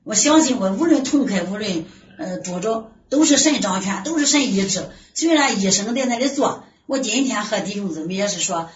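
A woman's voice: mid-range voice, expressive, normal speed. A middle-aged woman giving an earnest personal faith testimony, full of sighing exclamations. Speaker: church member giving testimony. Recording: distant roomy lo-fi recording with faint hiss.

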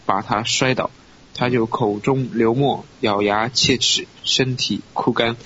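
Male scripture reader, steady and measured, on a dull recording with faint hiss. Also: medium pitch. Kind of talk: reading scripture aloud.

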